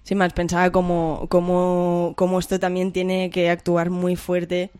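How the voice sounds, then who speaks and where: A speaker of unclear sex, thinking aloud casually in a tentative, halting way. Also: mid-range voice, monotone, darkish tone, clear, resonant tone, dry recording, clean studio sound. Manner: tentative, halting, self-correcting. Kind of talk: casual reflective discussion.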